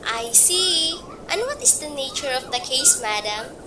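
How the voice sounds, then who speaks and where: A woman's voice: very animated, measured pace, pushed and bright, exaggerated voice. A woman in a student radio play, voicing a polite, guarded hospital receptionist who speaks formally and patiently. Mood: measured. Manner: formal, patient, repeats "madam". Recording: distant echoey mic, rumbling noise.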